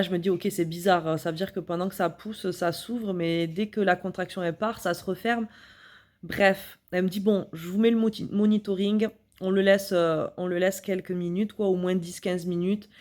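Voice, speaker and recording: A young woman recounts a story to her viewers in a casual, animated way, slipping into her own remembered thoughts with vivid emphasis. Her voice sits a little low for a woman. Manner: animated, dramatic retelling with quoted thoughts. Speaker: vlogger telling her birth story.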